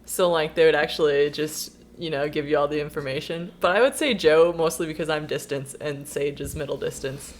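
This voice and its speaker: A woman guest on a podcast, chatting in an easygoing, relaxed way. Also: deep voice, fairly quick, hardly any pauses. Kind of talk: casual chat.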